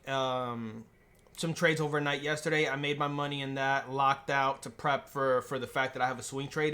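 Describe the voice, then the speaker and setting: Young man, slightly high voice, casual trade breakdown, rambling with restarts, chewing gum. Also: fairly bright tone. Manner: chewing gum while talking. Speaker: trading channel host.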